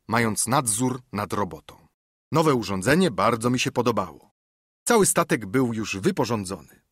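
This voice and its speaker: Husky, expressive male audiobook narrator. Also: medium pitch, dry recording, studio quality. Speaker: audiobook reader. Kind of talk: scripted narration.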